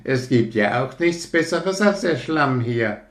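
A man's voice: medium pitch, expressive, a little slow, voice pushed up, natural voice. A man voicing a small, contented pond frog in a storybook, cheerful and gossipy. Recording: roomy echo.

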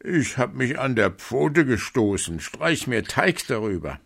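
A man's voice: medium pitch, sing-song, measured pace, creaky, fairly bright tone, slightly rough, pitched above the performer's own voice, exaggerated voice. A man voicing a cunning evil wolf in a fairy tale reading, speaking in a sly coaxing way. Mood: demanding. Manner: sly coaxing, then threatening. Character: cunning evil male wolf, disguising his voice.

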